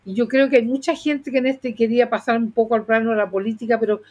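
An older Chilean woman with a fairly high voice gives earnest commentary in a conversational way. She addresses her listeners directly and opinionatedly, often halting to repeat a word. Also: steady tone, a little mellow. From southern Chile. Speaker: doctor and radio commentator.

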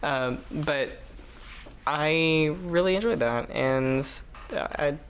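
A woman's voice: low-pitched, takes it slowly, smooth. A woman co-hosting a podcast in casual chat, laid-back, swearing casually and laughing, recorded in a small apartment. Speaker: podcast co-host.

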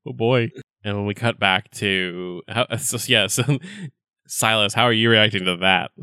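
A man's voice: lowish voice, fairly even intonation, a little slow, sharp tone, clean tone, no room sound, clean studio sound. A man narrating as game master of a tabletop game, rambling with fillers.

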